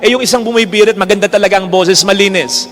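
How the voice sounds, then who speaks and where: A man, a priest preaching a sermon in an animated way, often jumping into quoted voices and mixing in English. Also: sits high, fast, in a large hall, soft background music.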